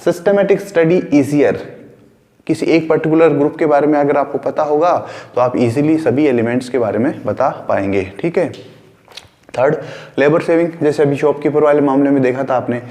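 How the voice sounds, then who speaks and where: A man's voice: medium pitch, moderate pace, a little mellow, big-room sound. A man teaching a school science class. He explains with everyday examples, repeats his key points and asks questions, then answers them himself. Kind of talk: classroom lecture.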